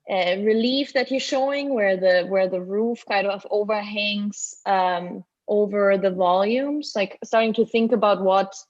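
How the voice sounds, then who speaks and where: A woman with a German accent giving a halting, filler-heavy critique of student projects over a video call. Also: mid-range voice, lo-fi sound. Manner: hesitant, many restarts and fillers. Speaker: guest critic. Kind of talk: online design review critique.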